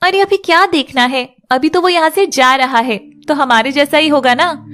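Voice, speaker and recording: A woman playing a dreamy, sentimental teenage girl from a village. She talks high and unhurried, gently amused, in a spoken storybook. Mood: calm. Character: dreamy seventeen-year-old village girl, calm and sentimental.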